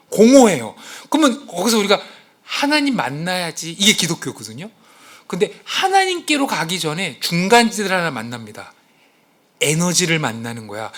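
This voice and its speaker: A male pastor preaching a sermon to his congregation in a church, acting out quotes and asking the listeners questions. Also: high-pitched. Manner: animated, acts out quotes and exclamations. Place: church sanctuary.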